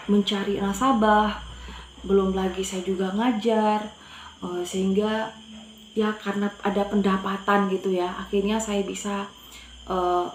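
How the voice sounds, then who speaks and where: Woman, middle-aged, from Madura, pastor, earnest testimony, roomy echo, faint noise. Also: medium pitch. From Madura, Indonesia. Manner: earnest storytelling, often addressing listeners as "brothers". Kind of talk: personal faith testimony.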